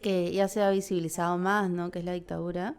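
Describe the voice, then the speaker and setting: A woman's voice: fairly low pitch, flat delivery, brisk, a little mellow, slight background noise. A woman with a Peruvian accent, talking casually as an interview guest, rambling with many tag questions and restarts. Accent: Peruvian Spanish. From Peru. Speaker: documentary filmmaker guest.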